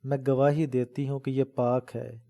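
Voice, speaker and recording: A man's voice: medium pitch, little pitch movement, creaky, warm tone, lightly acted. A man voicing a fierce, protective old village mother in a dramatic audiobook reading, talking fervently and scolding. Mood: fierce defiance.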